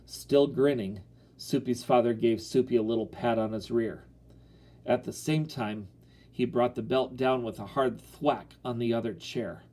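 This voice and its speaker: A man narrating an audiobook in an even storytelling manner. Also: medium pitch, a little slow.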